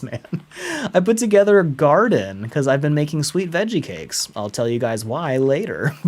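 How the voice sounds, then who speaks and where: A man live-streaming a game, chatting casually and upbeat, rambling with fillers and soft laughs. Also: fairly high pitch, a little hiss or hum. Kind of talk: casual live-stream chat while playing.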